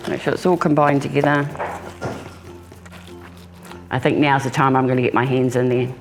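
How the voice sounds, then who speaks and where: A woman's voice: very deep voice, level tone, moderate pace, faint music behind. A woman with a New Zealand accent hosting a home cooking demonstration, talking casually and informally to viewers as if they were family. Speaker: home cooking show host.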